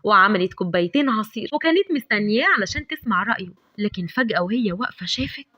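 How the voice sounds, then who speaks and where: A woman with an Egyptian accent narrating a story in a lively, brisk way. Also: medium pitch.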